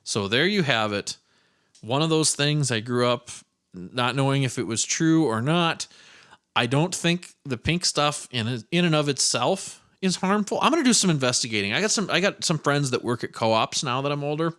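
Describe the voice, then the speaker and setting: Profane rambling podcast host from Iowa. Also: male voice, medium pitch, lively intonation, moderate pace, fairly bright tone. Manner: rambling, profane, self-mocking. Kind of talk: casual storytelling monologue.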